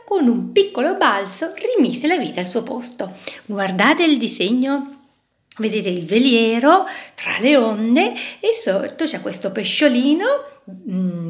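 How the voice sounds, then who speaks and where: A woman reading a children's story aloud in an expressive, animated way, pointing out a drawing to listeners. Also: mid-range voice.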